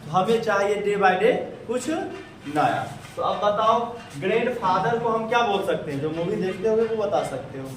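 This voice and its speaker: A man's voice: high-pitched, expressive, moderate pace, recorded from a distance. A man with a Bihari accent teaching English to a class, asking his students questions again and again. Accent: Bihari Hindi. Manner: quizzing students with repeated questions. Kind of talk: classroom lesson. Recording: echoey classroom, voice from across the room.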